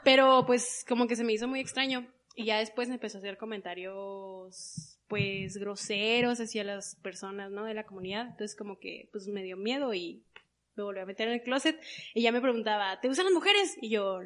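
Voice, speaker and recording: Una mujer joven con acento mexicano cuenta de forma animada una historia personal en una entrevista e imita las voces de otras personas. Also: female voice, medium pitch, moderate pace. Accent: Mexican Spanish. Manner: animated, acts out quoted voices. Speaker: guest. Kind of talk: personal storytelling.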